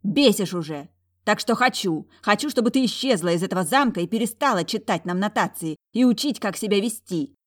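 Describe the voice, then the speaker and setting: A woman voicing a spiteful, haughty young noblewoman in a storybook, with a shrill, sneering voice. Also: lively intonation, brisk, lightly acted. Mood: furious.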